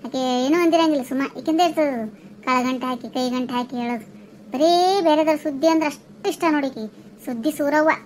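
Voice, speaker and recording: A woman voicing an older, sharp-tongued village housewife in a comic cartoon, speaking with a North Karnataka Kannada accent and scolding with quick retorts. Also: sits high, a little hiss or hum, natural voice. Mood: grumbling.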